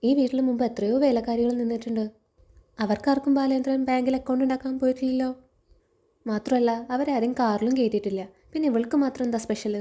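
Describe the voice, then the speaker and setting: A woman's voice: a little high, fairly even intonation, quick pace, mellow, close to an everyday voice. A woman reading the lines of a domineering, wealthy middle-aged lady of the house in a scornful, scolding way.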